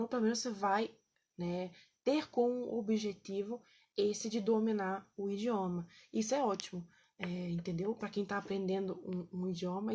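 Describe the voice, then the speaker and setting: A woman's voice: mid-range voice, mellow, breathy edge. A woman, casually teaching on a live stream, chatty, with lots of fillers and checks with her viewers. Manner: greets viewers by name between points.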